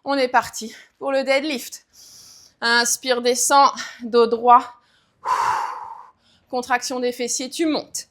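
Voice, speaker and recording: A woman's voice: a little high, flat delivery, slow pace, long pauses. A woman leading a guided leg workout, counting reps and cueing form as she exercises. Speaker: fitness coach.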